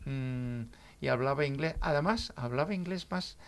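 A man in his sixties, an English native with an accent in Spanish, chatting as a radio guest in a halting way, often checking with "¿bien?". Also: medium pitch. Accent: English speaker in Spanish. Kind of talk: casual radio chat.

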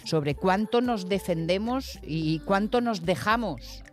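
A woman co-hosting a radio show, chatting in a lively, conversational way. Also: mid-range voice, slow, soft background music. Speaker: radio co-host. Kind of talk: casual radio chat. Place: radio studio.

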